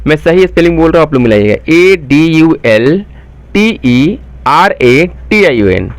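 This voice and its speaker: Man spelling words slowly, fairly high voice. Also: sing-song. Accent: Bihari Hindi. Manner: spells words slowly letter by letter, then explains quickly; asks the viewers questions and answers them himself. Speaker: exam coaching teacher. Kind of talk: spoken spelling lesson, letter by letter.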